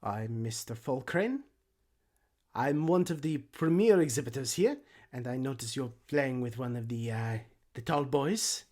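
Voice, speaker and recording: A man's voice: medium pitch, lively intonation, measured pace, darkish tone. A man voicing a fussy, nosy old male gnome exhibitor who speaks hesitantly. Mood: suspicious.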